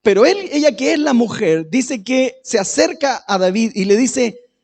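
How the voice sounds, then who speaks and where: In a church with an echoey hall, a pastor with a very high, animated voice preaches a sermon at normal speed. He keeps it chatty and conversational, often turning questions to the congregation and varying his loudness.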